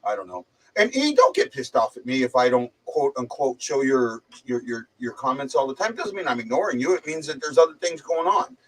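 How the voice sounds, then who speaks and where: A man's voice: medium pitch, very animated, brisk, hardly any pauses. A man hosting a casual livestream chat, his voice muffled as if on speakerphone, with a slight head cold, rambling and stumbling over his words. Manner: rambling, hesitant, stumbling repeats. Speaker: livestream host. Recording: distant muffled mic.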